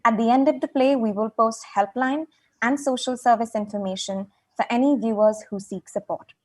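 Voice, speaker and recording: A woman reading a formal content warning in a slow, careful voice. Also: fairly high pitch, a little mellow, natural voice.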